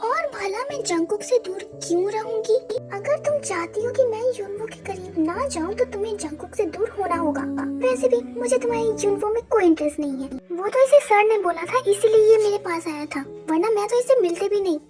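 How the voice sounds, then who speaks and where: A woman's voice: very high voice, expressive, a little fast, hardly any pauses. A young reader voicing a hot-tempered teenage schoolgirl who scolds sharply, over background music. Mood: angry. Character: fiery teenage schoolgirl, quick to anger. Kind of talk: fan story voice acting. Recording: music playing behind.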